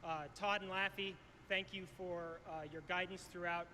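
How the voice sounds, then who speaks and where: A man giving a halting, grateful acceptance speech full of fillers. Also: sits high, little pitch movement, bright, forceful tone. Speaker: game studio award winner. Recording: echoey hall with faint noise, played from a broadcast.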